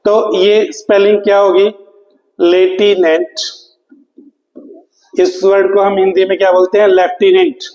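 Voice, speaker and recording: A man's voice: high voice, monotone, brisk, few pauses, darkish tone, echoey room, big-room sound, lo-fi sound. A man teaching English spelling to exam students, spelling words out letter by letter and asking the class questions he then answers himself. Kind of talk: exam prep lecture.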